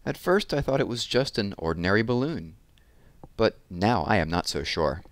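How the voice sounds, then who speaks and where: A storyteller in his thirties reads picture books for children with lots of expression and offhand asides, using a headset mic in a small home room. He sounds very animated at normal speed, with a lowish voice and a dry recording.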